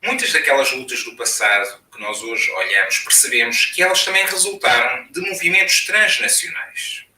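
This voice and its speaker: Bright European Portuguese man lecturing. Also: medium pitch, expressive, a little hiss or hum. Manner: measured, builds points with repeated phrases. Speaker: conference panelist. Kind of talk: academic lecture. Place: room, online conference talk. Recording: echoey room, speaker far from mic.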